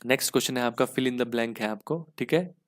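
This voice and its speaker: A man's voice: medium pitch, a little fast, dry recording, studio quality. A man teaching an exam-prep English grammar lesson, explaining step by step and asking "ठीक है?" again and again.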